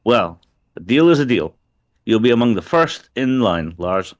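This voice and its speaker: A man's voice: fairly low pitch, sing-song, moderate pace. A man voicing a laid-back young surfer dude with slangy, drawling talk.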